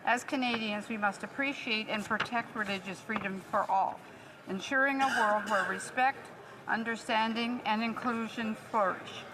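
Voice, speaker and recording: A woman's voice: a little high, fairly even intonation, normal speed. A woman reading a formal, prepared statement as a member of parliament. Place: indoor legislative chamber. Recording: some chamber noise behind.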